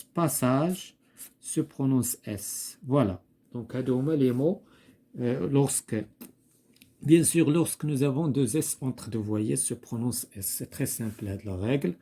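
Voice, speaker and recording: A man with a Moroccan accent takes a lesson slowly, repeating each word and pausing over it. His voice is dark and a little husky. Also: medium pitch. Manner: slow, repeats each word, thinks aloud with fillers. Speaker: teacher. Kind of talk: slow classroom explanation.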